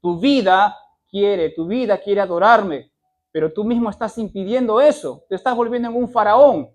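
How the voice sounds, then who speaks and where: A man's voice: sits high, moderate pace. A man preaching a sermon, pressing his point with repeated phrases and rhetorical questions, and correcting himself mid-sentence.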